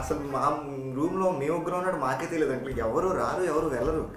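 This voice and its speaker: A man's voice: on the high side, very fast, a crowd in the background. A young man, a bachelor tenant, arguing his case to a house owner in a comedy sketch.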